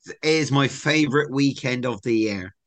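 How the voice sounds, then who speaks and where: A young man from England co-hosts a podcast, telling stories in a chatty, lively, upbeat manner during casual conversation. His voice is medium in pitch and his pace is normal.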